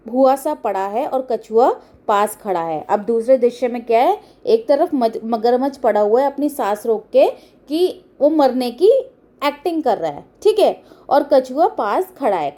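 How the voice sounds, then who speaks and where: A woman's voice: on the high side, animated, a little slow, mellow. A woman teacher explaining a children's school lesson, paraphrasing each line in simple words.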